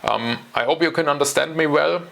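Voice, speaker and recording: A German man in his forties with a German accent hosts his own channel from home, talking alone to camera. His voice is slightly high, fairly quick, creaky, and a bit bright, and his casual delivery is hesitant, full of ums and uhs.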